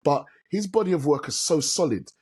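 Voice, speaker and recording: A man's voice: on the high side, lively intonation, brisk, a little mellow, breathy edge. A man with a London roadman accent chatting casually as a podcast host, emphatic and full of slang and swearing.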